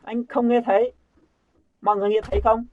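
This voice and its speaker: A man's voice: very high voice, little pitch movement, brisk. A man teaching English pronunciation to a group, coaxing and repeating sounds over and over. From Vietnam. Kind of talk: casual group lesson. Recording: dull lo-fi sound.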